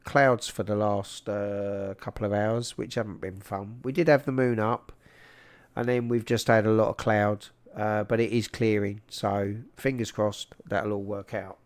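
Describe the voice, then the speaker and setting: Smooth and fairly low-pitched, a South London man hosts a livestream in a level tone, talking a little slowly. His chat is casual and matey, with people called "mate," spoken into a large close microphone.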